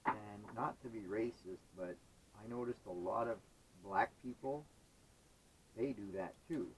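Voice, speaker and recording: A man's voice: on the low side, a little slow, a little hiss or hum, low-quality recording. A man, chatting casually and rambling with hesitant fillers while he sorts scrap metal. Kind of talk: casual chat while working.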